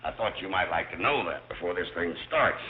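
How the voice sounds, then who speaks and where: An actor playing a gruff, exasperated wealthy father in blustery screwball comedy banter, 1930s film style. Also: deep voice, expressive, brisk, slight background noise. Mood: suspicious. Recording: muffled old film soundtrack.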